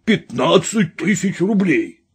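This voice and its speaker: A man's voice: sits high, very animated, slow, slightly rough, exaggerated voice. A man reading an audiobook, voicing a flustered, stingy older nobleman who haggles and stammers. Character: fussy elderly male nobleman, flustered and stingy.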